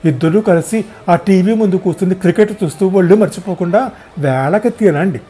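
A man's voice: high-pitched, a little fast, dark tone, pitched above the performer's own voice, lightly acted. A man voicing a talkative, meddling elderly mother in a wheelchair, fussing over everyone in a storybook reading. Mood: chatty.

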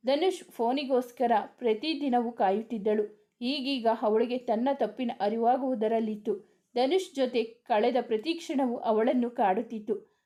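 A woman telling a romance story in steady scripted narration. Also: fairly high pitch.

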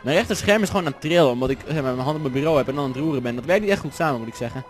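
A man's voice: a little high, lively intonation, rapid-fire, faint music behind. A man from the Netherlands with a Dutch accent, doing jokey let's-play commentary, chatty and swearing often. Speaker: gaming commentator.

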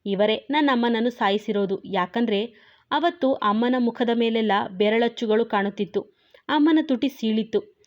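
Audio-story figure: a brooding, grieving young husband, read by a woman, soft and sorrowful, lo-fi. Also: on the high side, moderate pace, natural voice. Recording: dull lo-fi recording.

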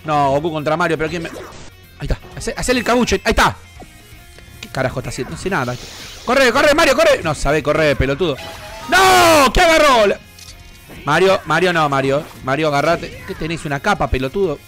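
A man with an Argentine accent hosting a gaming channel, giving foul-mouthed let's play commentary and yelling insults at the game. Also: a little high, fairly quick, faint music behind. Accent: Argentine Spanish.

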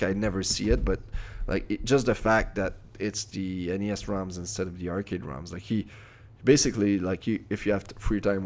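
A man co-hosting a casual gaming podcast, talking hesitantly with many restarts and trailing off quietly. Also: deep voice. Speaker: podcast co-host.

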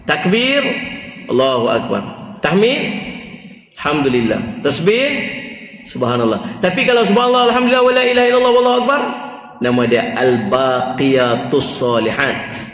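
A man giving a mosque lecture, moving between calm teaching and playful mimicry. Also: medium pitch. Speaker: religious teacher. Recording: echoey hall with faint ambient noise.

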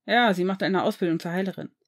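A woman reading the lines of a cheerful, friendly young man who runs a shop, in a gentle, reassuring tone. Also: fairly low pitch, quick pace.

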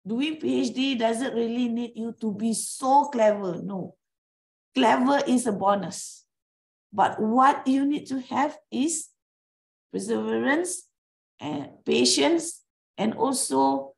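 Slow, gravelly-voiced woman dean. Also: a little high, expressive, rough recording. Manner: encouraging, reassuring, with frequent "okay" and hesitations. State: coughing, recovering from a bad cough. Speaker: faculty dean. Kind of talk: open Q&A session with postgraduate students. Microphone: video call.

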